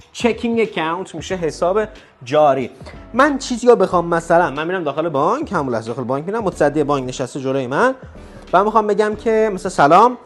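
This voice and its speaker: A man with a Persian accent teaches English in a relaxed, chatty way and slowly repeats the English phrases. His voice sits high for a man. Faint music plays behind him. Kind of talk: casual lesson on English for the bank.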